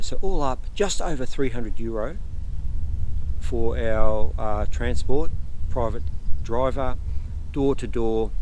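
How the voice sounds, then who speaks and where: A man's voice: medium pitch, slight background noise, rough recording. A man hosting a casual travel vlog, chatting directly to viewers as he shows them around. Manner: chatty walk-through, addressing viewers directly.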